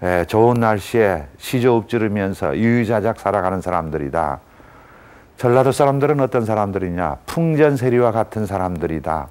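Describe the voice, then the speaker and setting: A man's voice: on the low side, animated, moderate pace, a little mellow. A man lecturing to an audience, explaining terms step by step and often saying "ye" between phrases. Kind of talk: academic lecture.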